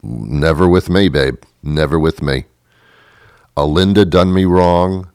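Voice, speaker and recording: A man's voice: low-pitched, slow, darkish tone, smooth, dry recording, clean studio sound. A man in his thirties hosting a talk show, rambling through a sarcastic, self-mocking monologue that often trails off. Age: 30s.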